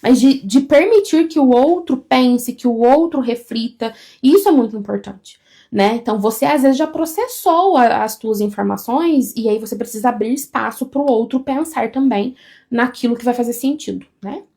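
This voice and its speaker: A woman, co-hosting a casual live stream from home, talking loudly and expressively. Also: fairly high pitch. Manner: loud, expressive and fast-flowing.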